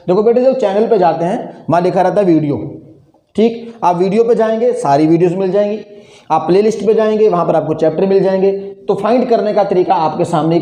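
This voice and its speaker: A man's voice: high-pitched, mellow, roomy sound. A male English grammar teacher, lecturing classroom-style, drilling students with repeated questions.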